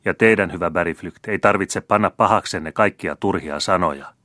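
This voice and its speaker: A man voicing a stately, kindly countess in a storybook reading, speaking calmly and with dignity. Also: deep voice, dry recording, studio quality. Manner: calm and dignified.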